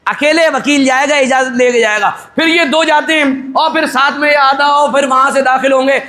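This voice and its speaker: A middle-aged male cleric preaching at a wedding in a very high, bright voice. He talks with forceful energy and jokes with the crowd. He throws in rhetorical questions and acts out little dialogues. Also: steady tone, reverberant. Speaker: Islamic cleric officiating a wedding. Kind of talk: wedding sermon, conversational.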